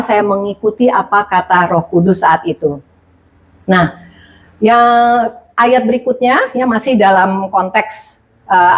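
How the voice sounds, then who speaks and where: A woman preaching, telling a personal testimony in a conversational, animated way and speaking directly to the congregation. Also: medium pitch.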